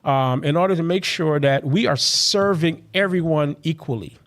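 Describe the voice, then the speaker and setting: A man's voice: on the high side, normal speed, fairly bright tone. A man from Guyana raised in Brooklyn, a city council member talking earnestly in an interview and often tagging "right?". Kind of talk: casual interview talk.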